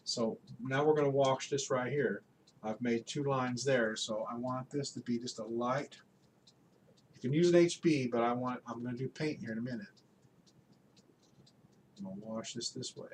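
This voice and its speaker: A man walks through a drawing step by step, calm and instructive, his voice at an ordinary middle pitch. He keeps pointing at each spot as he works. A faint hiss and the scratch of drawing tools sit behind him. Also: moderate pace, long pauses. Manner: relaxed, instructive, talks while working with frequent pointing words. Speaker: art instructor. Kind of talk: drawing tutorial walkthrough.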